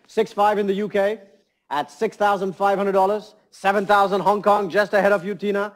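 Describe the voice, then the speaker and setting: High-voiced male fine art auctioneer. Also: normal speed. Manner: polished, courteous, repeats prices in a steady patter. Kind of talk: live fine art auction calling, running bids and prices. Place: saleroom with seated bidders and phone lines.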